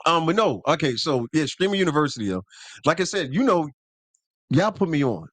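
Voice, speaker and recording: A man's voice: fairly high pitch, sing-song, brisk, a bit bright, no room sound. A man co-hosting a podcast in casual chat, laid-back and loose with slang, stopping to correct himself. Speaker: podcast co-host.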